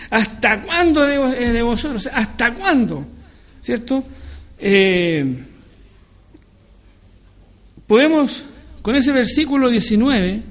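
A man preaching a church sermon, slow and searching, with frequent restarts and pauses while explaining scripture. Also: high-pitched.

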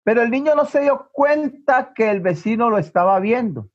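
A man preaches in a high, earnest voice and often calls out to his congregation. His volume drops sharply for emphasis. The sound is dull and lo-fi, like an old church recording. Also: lively intonation, normal speed. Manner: earnest, repeatedly addresses the brethren, dramatic drops in volume. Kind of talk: sermon storytelling.

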